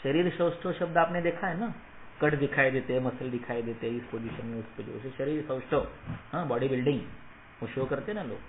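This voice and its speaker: A man's voice: mid-range voice, a little fast. A man giving a motivational lecture to students, emphatic and rhetorical, checking for assent and mixing Hindi with English phrases. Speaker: Ayurveda teacher. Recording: echoey room, tinny phone-like sound, faint noise.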